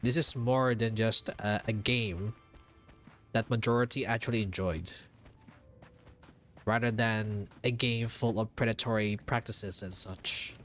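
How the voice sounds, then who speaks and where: A man gives a laid-back live commentary on a video game playthrough, with game music playing behind him. His voice is fairly low and fairly bright, with fairly even intonation and a slightly slow pace, as he hesitantly thinks aloud and repeats himself.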